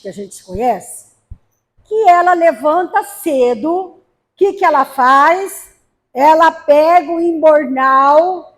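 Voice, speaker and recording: A middle-aged woman from Brazil giving a spiritist talk, telling stories with humor and acting out quotes. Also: sits high. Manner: storytelling with acted quotes and humor. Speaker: spiritist lecturer. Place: spiritist center hall.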